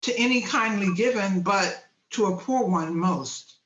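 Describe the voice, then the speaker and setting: A woman voicing a warm, stately female Christmas spirit who speaks in slow, solemn pronouncements over a video call. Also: medium pitch, roomy sound, muffled recording, lightly acted.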